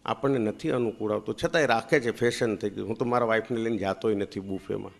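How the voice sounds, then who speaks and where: A male comedian, telling a teasing comic story on a live stage, and his pitch and loudness swing widely. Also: fast talker, gravelly.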